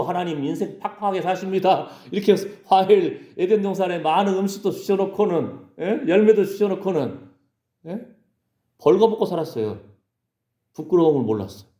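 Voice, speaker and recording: Man, pastor, conversational sermon, fairly high voice, echoey sanctuary. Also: mellow. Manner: conversational preaching, prompting the congregation with "예?". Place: church sanctuary.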